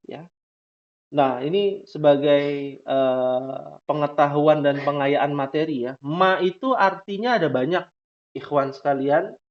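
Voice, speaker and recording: Man teaching, tagging lines with "ya". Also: a little high. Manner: drawn-out questioning, frequent "ya" tags. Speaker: Arabic teacher. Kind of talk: classroom lesson. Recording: dull lo-fi recording.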